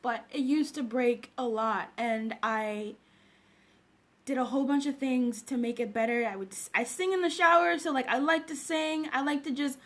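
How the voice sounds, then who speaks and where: Greeting viewers by name and laughing often, a Zambian woman hosts a relaxed livestream chat right after waking up. Her voice sits high, fairly bright in tone, at a normal speed.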